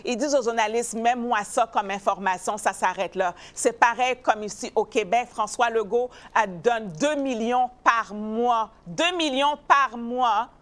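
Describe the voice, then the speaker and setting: A woman, hosting an opinionated news commentary show, animated and emphatic, often stumbling and repeating words. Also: a little high, a little slow, hardly any pauses. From not from Canada. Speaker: show host.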